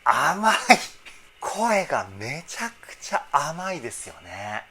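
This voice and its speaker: A male vocal coach talking enthusiastically as he breaks down a song, pausing to try out the parts himself. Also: on the high side, sing-song, bright, forceful tone, husky. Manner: enthusiastic, explains while trying out sung examples. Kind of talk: reaction and vocal analysis talk.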